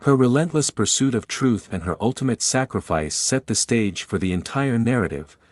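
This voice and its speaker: A man's voice: medium pitch, lively intonation, moderate pace, slight background noise. A man hosting a video and reading scripted narration.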